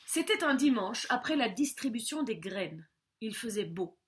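Expressive woman reading a picture book. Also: fairly high pitch. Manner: slow, expressive storytelling with soft drops. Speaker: storyteller. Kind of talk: children's audiobook reading.

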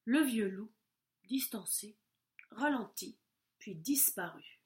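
A woman reading a children's storybook aloud in a gentle, measured, expressive way. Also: on the high side, heavy background noise.

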